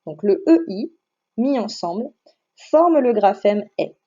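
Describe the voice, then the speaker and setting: A woman teaching phonics to young children in a recorded slideshow lesson. She speaks slowly and carefully, stretching each sound so the children can hear it. Her voice is mellow and soft, and the recording sounds a little dull and lo-fi. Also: medium pitch, sing-song. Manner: slow, careful, over-articulating sounds and syllables. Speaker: primary school teacher.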